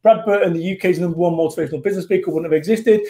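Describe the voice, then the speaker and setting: High-pitched, punchy English motivational speaker. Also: male voice, rapid-fire. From England. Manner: blunt, punchy and forceful, acts out whiny quotes. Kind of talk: energetic motivational interview talk. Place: live online broadcast.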